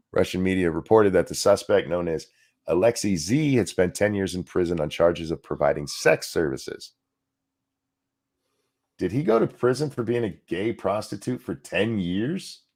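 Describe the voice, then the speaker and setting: Low and a little mellow, this man's voice carries his role as co-host of a casual show on politics. He reads out the news, but sarcastic, foul-mouthed asides keep cutting in as he moves from dry reading to ridicule.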